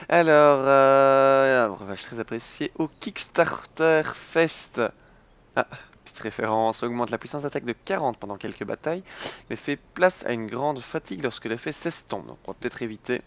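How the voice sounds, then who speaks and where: A man's voice: mid-range voice, lively intonation, normal speed, fairly bright tone, dull audio. A man hosting a casual let's play, reading the game's text aloud and tossing in dry little asides. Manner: reads game text aloud with dry quips. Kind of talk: casual gameplay commentary.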